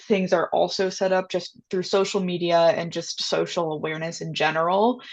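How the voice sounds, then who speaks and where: A woman's voice: lowish voice, steady tone, normal speed. A woman chatting casually and informally as a co-host, on a slightly muffled recording. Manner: conversational, informal. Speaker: book review co-host. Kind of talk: casual chat.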